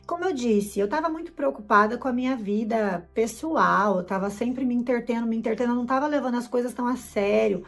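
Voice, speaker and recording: Expressive Brazilian woman telling her testimony. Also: a little high, a little fast, hardly any pauses. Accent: Brazilian Portuguese. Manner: expressive storytelling, acts out her own past words. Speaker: host giving a personal testimony. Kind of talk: emotional personal testimony.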